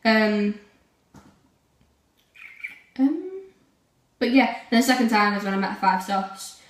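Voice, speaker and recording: A woman's voice: mid-range voice, takes it slowly. A teenage girl chatting casually to camera in a rambling way, full of fillers. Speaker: vlogger. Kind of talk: casual vlog chat. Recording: roomy, from a distance.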